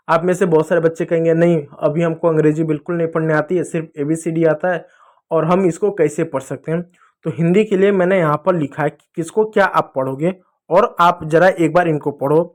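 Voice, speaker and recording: A man teaching children English reading in a lesson, asking questions and answering them himself, and sounding out letters slowly. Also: fairly high pitch, steady tone. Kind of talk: Hindi phonics lesson for kids.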